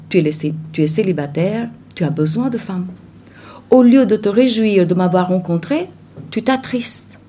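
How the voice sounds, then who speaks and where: A woman voicing a worldly young woman who speaks frankly but gently. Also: medium pitch, a little hiss or hum, lightly acted. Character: worldly young woman, blunt yet tender.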